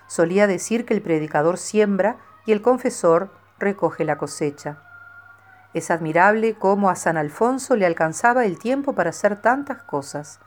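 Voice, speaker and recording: A woman calmly reading a scripted devotional life of a saint in a measured way. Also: mid-range voice. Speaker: narrator.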